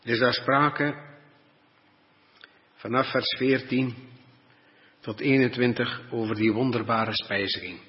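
A male preacher leads a sermon, reading scripture in a slow, deliberate cadence and then explaining it. His mid-range voice rings out with a long reverb through a church hall. The recording is dull and lo-fi. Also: medium pitch, fairly even intonation. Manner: slow, deliberate reading in old-fashioned Bible wording.

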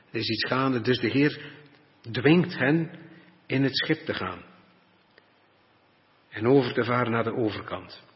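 Slow-speaking man preaching in an echoing hall. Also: medium pitch. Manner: slow, deliberate reading in old-fashioned Bible wording. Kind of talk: sermon with Bible reading. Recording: dull lo-fi recording with long reverb.

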